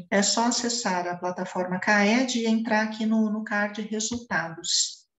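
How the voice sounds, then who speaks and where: A woman from Brazil talks through a teacher-training presentation at a medium pitch. She speaks in a loose, explanatory way, with frequent fillers and restarts and a habitual tag question. The room around her is noticeably echoey. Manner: many fillers and restarts, repeated "né?". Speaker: education trainer.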